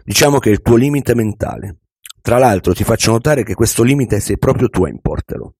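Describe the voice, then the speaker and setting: A man voicing a wise, calm older millionaire who patiently teaches a young man, read as an audiobook. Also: medium pitch, creaky, breathy edge, no room sound, studio quality. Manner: patient, measured, instructive. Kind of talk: audiobook reading.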